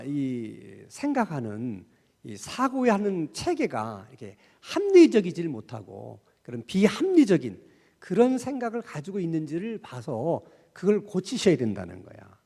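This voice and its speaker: A middle-aged man preaching a sermon at a Wednesday prayer meeting, speaking in a conversational way with rhetorical questions and gentle acted-out dialogue. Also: sits high, huge pitch swings, a little slow, gravelly. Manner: acts out gentle quoted dialogue. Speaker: pastor. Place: church sanctuary. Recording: long church hall reverb.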